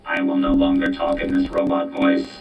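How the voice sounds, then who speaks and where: A man speaking through a robot voice changer as a robotic new version of himself, slow and booming. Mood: solemn. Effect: deep robot voice changer. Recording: dull lo-fi clip with loud music.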